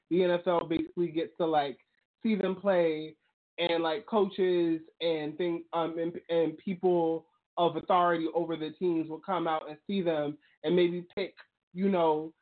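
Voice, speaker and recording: A man co-hosting a talk show, explaining things in a chatty way full of "um" and "like.". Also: on the high side. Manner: chatty, many fillers like "um" and "like". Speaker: podcast co-host. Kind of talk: casual talk-show commentary. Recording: tinny phone-like call audio.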